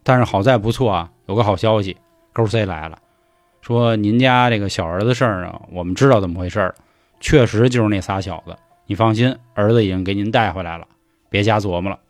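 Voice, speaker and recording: A man's voice: lowish voice, a little fast, dry recording. A man with a Beijing Mandarin accent telling an urban legend in a chatty, colloquial podcast style. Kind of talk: podcast storytelling.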